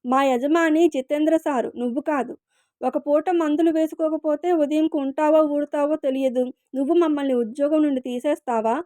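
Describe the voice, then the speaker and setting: A woman's voice: high voice, steady tone, moderate pace, warm tone, no room sound, clean studio sound, natural voice. A woman voicing a rude, mocking male house servant who answers back with sarcasm in a read-aloud story. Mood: scornful. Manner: scornful, sarcastic retorts.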